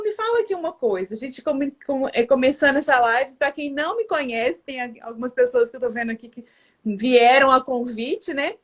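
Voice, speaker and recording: A woman, hosting a live stream in a chatty way with many fillers and restarts. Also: high-pitched. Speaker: live stream host, educator. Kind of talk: casual live stream chat.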